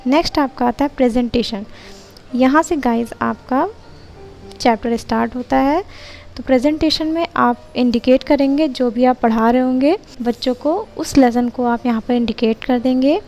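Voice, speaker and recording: A woman's voice: high-pitched, a little mellow, soft background music. A woman tutor methodically walking trainee teachers through a lesson plan. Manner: methodical, steps read out in a measured way.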